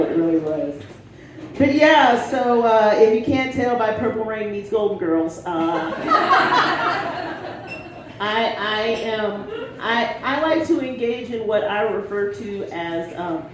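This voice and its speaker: A woman's voice: medium pitch, noisy background. Woman in her 40s doing brash stand-up. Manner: brash, conversational, teasing the crowd. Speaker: stand-up comedian. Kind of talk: stand-up comedy set. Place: comedy club stage. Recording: roomy club with crowd laughter. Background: audience laughing.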